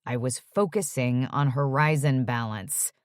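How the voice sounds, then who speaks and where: A woman's voice: a bass voice, unhurried, darkish tone, no echo, studio quality, voice pushed down. A woman voicing an uptight young man who answers curtly and mutters when annoyed. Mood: irritated. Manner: curt and muttering.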